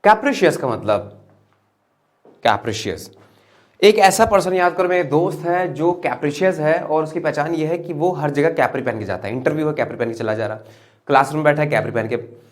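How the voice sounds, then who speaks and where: A young man with an Indian English accent teaching vocabulary through memory tricks, his voice pitched a bit high. He lifts his voice to stress key words, then drops low for quick asides. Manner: lively, swings between high emphatic and low murmured asides.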